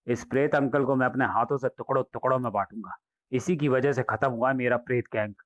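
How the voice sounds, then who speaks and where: A man's voice: mid-range voice, steady tone, quick pace, no room sound, natural voice. A man voicing a scheming male mad scientist villain who talks in a gloating way.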